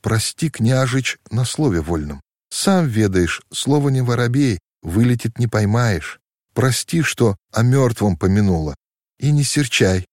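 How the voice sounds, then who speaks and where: A man voicing a bold, mocking young servant girl with a quick, teasing folksy way of talking in a storybook reading. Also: medium pitch, expressive, darkish tone, no room sound, clean studio sound, pitched above the performer's own voice, close to an everyday voice. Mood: timid.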